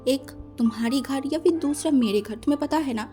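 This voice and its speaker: A woman voicing a calm young husband in a fan-fiction story who makes soft, slow, teasing threats over the phone. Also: high-pitched, soft background music, natural voice. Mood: menacing.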